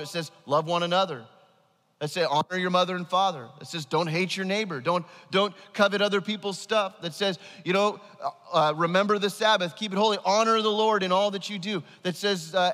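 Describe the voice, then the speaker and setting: A man's voice: sits high, fairly bright tone. A man in his thirties preaching an emphatic sermon from a large church stage on a headset mic. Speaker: pastor. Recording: long reverb of a large hall.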